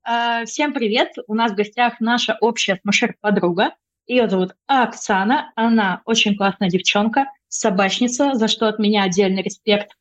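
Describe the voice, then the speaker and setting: A woman's voice: mid-range voice, moderate pace. A young woman co-hosting a casual podcast, mispronouncing her r's and talking bluntly with plenty of swearing. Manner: blunt, swears freely, interrupts. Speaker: podcast co-host.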